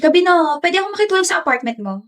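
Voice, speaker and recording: A woman's voice: very high-pitched, very animated, fast, a bit bright, heavily acted. A woman playing an insistent, caring best friend in a skit. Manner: insistent and firm. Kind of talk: comedy skit acting.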